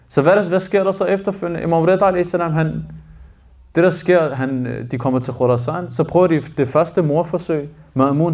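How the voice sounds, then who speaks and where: A sheikh delivers a sermon as vivid storytelling, slipping into the voices of the people in his account. His voice sits a little higher than most men's. The delivery is lively and narrative. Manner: animated storytelling, acts out quoted speech. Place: mosque.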